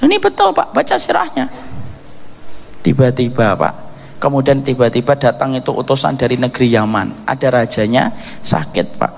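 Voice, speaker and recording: A man's voice: medium pitch, big pitch swings, moderate pace, creaky, in a large hall. A man preaching a midday radio sermon, telling stories, acting out dialogue and calling his listeners "Pak". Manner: storytelling, addresses listeners as Pak, acts out dialogue. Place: radio studio or mosque hall.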